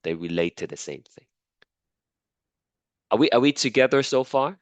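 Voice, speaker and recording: A biology lecturer with an animated, mid-range voice teaches a class while sick and losing his voice, speaking at normal speed. He repeats key points and checks in with students, recorded without echo.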